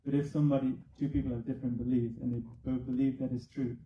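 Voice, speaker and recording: A man in the audience asking a question in a halting way, searching for words. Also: medium pitch, little pitch movement, echoey room. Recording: distant, phone-like, noisy.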